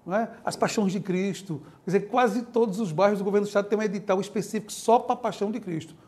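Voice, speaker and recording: A man from Pernambuco, Brazil, with a Pernambuco Portuguese accent, is a guest on an explanatory talk-show interview. His voice is high and he speaks fast, laying out his points eagerly and animatedly. He laughs now and then while making his points.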